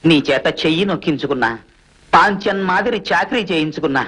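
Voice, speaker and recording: A man's voice: fairly high pitch, quick pace, fairly bright tone, slightly rough, low-quality recording. An actor playing a humble, deferential village man who speaks. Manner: deferential rustic dialect, calls others sir. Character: humble middle-aged village man, loyal servant. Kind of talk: Telugu film acting.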